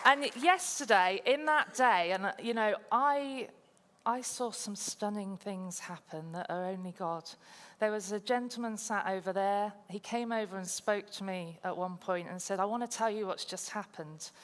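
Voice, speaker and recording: A woman's voice: medium pitch, moderate pace, fairly bright tone. Woman guest preacher, chatty and self-deprecating, long church hall reverb. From South Coast of England. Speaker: guest speaker. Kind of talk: sermon with personal story.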